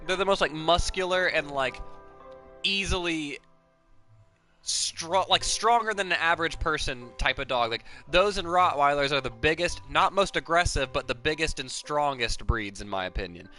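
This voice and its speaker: A man's voice: a little high, animated, moderate pace, sharp tone, faint music behind. A man livestreaming and chatting casually, rambling and swearing with lots of "like" fillers. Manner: rambling, profane, peppered with "like". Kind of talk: casual chat.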